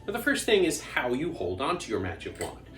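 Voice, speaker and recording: Kids' party magician host: playful, coaxing, highly expressive pitch, interactive patter, roomy echo. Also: a little fast, soft background music. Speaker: children's magician and show host.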